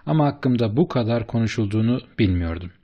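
A man narrating a story in the first person, in a steady, measured reading voice. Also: mid-range voice, dull audio. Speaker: audiobook narrator.

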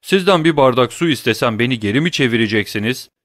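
A man's voice: mid-range voice, animated, fast talker, fairly bright tone, no room sound, clean studio sound, voice pushed up, natural voice. A man voicing a desperate, greedy captive banker in an audiobook, pleading and agitated. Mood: exasperated.

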